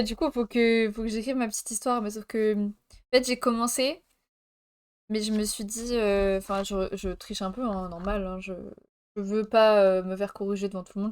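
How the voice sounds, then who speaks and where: A woman's voice: mid-range voice, clean tone. A young woman live-streaming from France, chatting casually with viewers and laughing while she jokes in mock Spanish.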